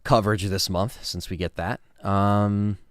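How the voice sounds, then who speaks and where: A man hosting a casual livestream, answering chat questions in a relaxed, rambling way with lots of fillers. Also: fairly low pitch, a little slow, clean tone, dry recording, studio quality.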